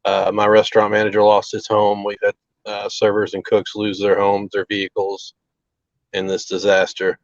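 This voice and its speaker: A restaurant owner speaks in a low, flat voice during a live remote interview, standing outdoors near a relief center. He is earnest but halting and full of fillers, his words coming through a video call on a bad mobile connection that keeps breaking up. The call audio is dull, lo-fi and very dry.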